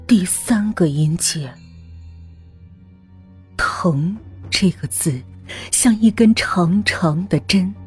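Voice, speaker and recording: A woman reading a suspense story aloud, measured and hushed, sometimes dropping almost to a whisper. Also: fairly low pitch, slightly rough. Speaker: narrator. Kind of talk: scripted audiobook narration.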